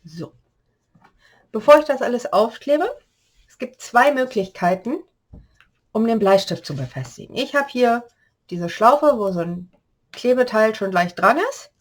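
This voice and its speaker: A woman from Germany, her medium-pitched voice slightly hoarse from a cold, chats through a step-by-step paper-craft tutorial. She explains the measurements as she works.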